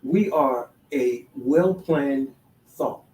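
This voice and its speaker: A man hosting a solo talk show, halting with many restarts, then building to emphatic, sermon-like declarations. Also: medium pitch, darkish tone. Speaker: podcast host. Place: DC, Maryland, Virginia area. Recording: echoey room, voice far from the mic.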